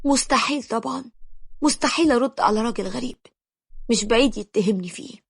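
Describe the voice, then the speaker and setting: A woman's voice: high-pitched, lively intonation, a little fast, no echo, clean studio sound. A woman voicing a young married sister-in-law who speaks frankly and sadly, with an Egyptian accent. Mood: earnest. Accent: Egyptian Arabic.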